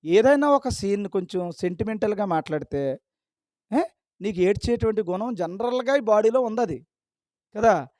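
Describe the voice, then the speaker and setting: High-voiced man preaching with rhetorical questions. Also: a little mellow, no room sound, clean studio sound. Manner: scolding with rapid rhetorical questions. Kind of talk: sermon.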